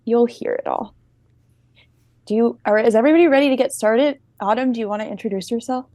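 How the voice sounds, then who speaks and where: A young woman hosting an interview as co-founder, upbeat and playful, quick to joke with her guests. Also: fairly high pitch, dark tone, dry recording. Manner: upbeat, playful, laughs easily. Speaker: host, co-founder.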